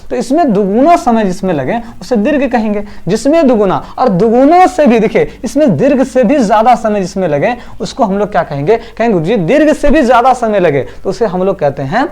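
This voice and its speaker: Animated man teaching grammar. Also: sits high, fairly quick, hardly any pauses. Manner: repetitive drilling, rhetorical questions to students; chanting vowel sounds aloud. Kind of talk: online class lecture.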